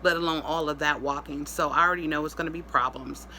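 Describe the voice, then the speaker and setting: A woman speaking casually in a vlog update, sounding weary and drained, in pain after surgery, with halting delivery. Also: sits low, steady tone, sharp tone, a little hiss or hum. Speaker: vlogger.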